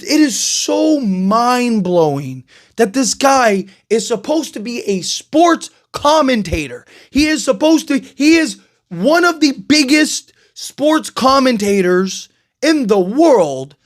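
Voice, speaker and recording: A man's voice: very high-pitched, a bit bright. A man hosting his own channel, giving a rambling, exasperated opinion rant about basketball media, full of fillers and repeated questions. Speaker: channel host. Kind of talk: opinion commentary vlog.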